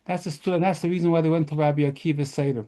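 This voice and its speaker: A rabbi telling lively stories at a model seder lesson, mixing in Hebrew terms. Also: male voice, a little high, rapid-fire.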